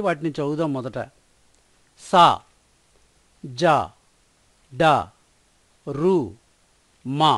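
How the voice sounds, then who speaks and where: A man's voice: on the high side, no echo. A man with a Telugu accent teaching a children's language lesson, patiently sounding out words syllable by syllable.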